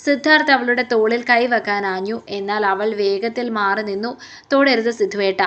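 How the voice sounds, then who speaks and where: A woman narrating a romance audiobook in a steady, expressive reading. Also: fairly high pitch, normal speed, muffled recording. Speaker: storyteller. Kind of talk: scripted story narration.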